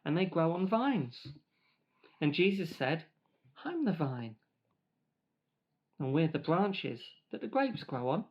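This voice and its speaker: A man's voice: on the high side, slow pace, pauses often. Playful man giving a children's talk. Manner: lively, playful, eats grapes while talking. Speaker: children's church leader. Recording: dull lo-fi recording.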